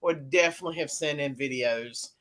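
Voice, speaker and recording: A woman on a podcast panel, chatting casually in an animated, mocking way with quick asides. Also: sits low. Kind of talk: casual chat.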